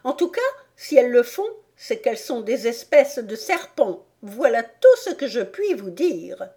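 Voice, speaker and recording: A woman playing a big male pigeon from an audiobook, shrill and sobbing. He sounds indignant and accusing, pitched well above a plain speaking voice. The delivery is slow and unhurried. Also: sing-song, mellow. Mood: scornful. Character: big, fretful, menacing male pigeon guarding eggs. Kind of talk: audiobook character voice.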